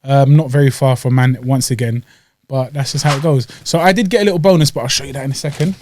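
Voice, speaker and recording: A man's voice: medium pitch, fairly even intonation, fast talker, darkish tone, a little hiss or hum. A man with a London accent and slightly weak R sounds, bantering casually as a podcast co-host with slangy, playful bickering while reviewing food. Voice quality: weakly pronounced R sounds. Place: podcast studio.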